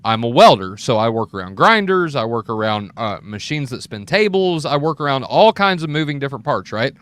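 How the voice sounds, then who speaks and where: A man's voice: mid-range voice, very animated, fairly quick, a bit bright, clear, resonant tone, dry recording. A man, a welder, talking things through in casual chat and often checking in with "right?". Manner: explains with examples, keeps checking in with "right?". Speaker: welder on an open mic panel.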